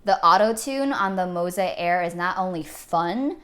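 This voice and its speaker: A woman videographer giving an upbeat, chatty product review in a vlog. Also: normal speed. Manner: upbeat and chatty, with lively jumps in pitch. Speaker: videographer reviewing camera gear.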